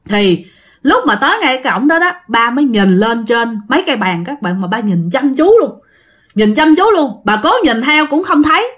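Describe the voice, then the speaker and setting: A woman's voice: sits high, fairly bright tone. Chatty woman telling a ghost story. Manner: chatty, addresses listeners directly. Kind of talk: casual ghost story narration.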